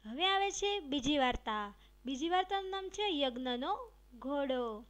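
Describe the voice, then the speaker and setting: A woman's voice: high voice, expressive, a little slow, a bit bright. A woman teacher reading a storybook aloud to young pupils, adding light expression to the dialogue. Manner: addresses young pupils directly. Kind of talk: storybook read-aloud for children.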